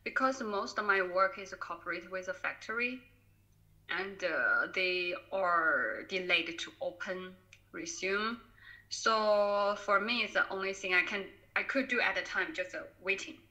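A woman from China, a native Chinese speaker, talking slowly and searchingly in English on a video call. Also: mid-range voice, sharp tone, low-quality recording.

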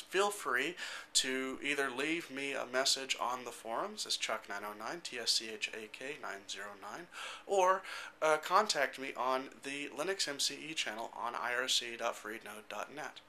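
A software developer in his thirties narrates an informal product demo step by step into a handheld camera mic, in a matter-of-fact, mid-range voice. He's in an indoor room at home, and the recording carries a little hiss or hum.

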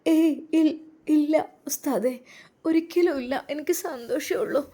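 A woman's voice: high voice, pitched above the performer's own voice. A woman doing a timid, tearful young bride. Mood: earnest. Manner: hesitant, halting, soft-spoken. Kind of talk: audio story drama.

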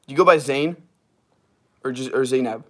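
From a cramped garage room with wood paneling, a livestream host in his twenties chats through viewer comments, laughing and using fillers as he rambles. His mid-range voice is slightly hoarse and strained yet fairly bright, at a normal speed. He's picked up by a device camera about an arm's length away.

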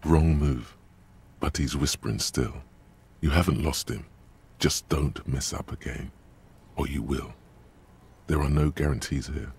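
A deep gravelly game narrator. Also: male voice, darkish tone, full character voice. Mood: calm coaching. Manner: grave, measured, coaching. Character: man, stern inner narrator voice of a detective. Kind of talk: video game voice acting.

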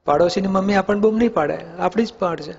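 A man's voice: high-pitched, quick pace, gravelly, husky. Man teaching youth in an echoey hall. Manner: patient, asks questions back, everyday examples. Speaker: spiritual teacher. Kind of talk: question-and-answer discourse for youth. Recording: dull sound in an echoey hall.

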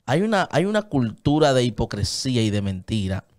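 Speaking a little fast with big pitch swings, this Dominican-accented man in his thirties has a medium-pitched, slightly mellow voice. He's an earnest guest in casual conversation in a small padded studio, headphones on, gesturing freely at a desk-mounted microphone.

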